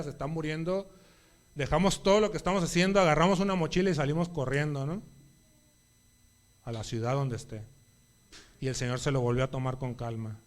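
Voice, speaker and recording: A man with a fairly high voice preaching a Sunday sermon. He talks conversationally, keeps asking the congregation whether they follow, and grows loud and emotional when he stresses a point. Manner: conversational, asks the congregation "¿no?" often; emotional, rises in volume at emphatic points.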